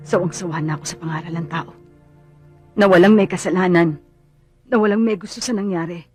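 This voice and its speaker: A woman's voice: medium pitch, darkish tone, lightly acted. An actress playing a bereaved mother who bitterly blames others and lashes out in anger. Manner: bitter, accusing, rising to screams. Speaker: grieving mother. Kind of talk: film drama acting.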